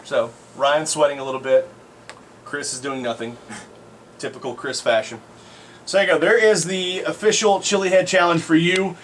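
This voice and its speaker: A man hosting a live radio show, giving energetic play-by-play commentary in a crowded studio. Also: on the high side, normal speed, a little hiss or hum. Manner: energetic, excitable narration.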